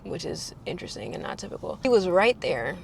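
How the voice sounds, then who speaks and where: Young woman vlogger, casual storytime, animated delivery. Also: a little fast, vocal fry, slight background noise. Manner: animated, acts out quotes in higher voices.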